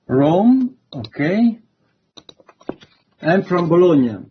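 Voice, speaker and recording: A man's voice: high-pitched, very animated, muffled recording, a little hiss or hum. A man giving an online introductory university lecture, hesitant and full of fillers. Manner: slow, hesitant, many fillers.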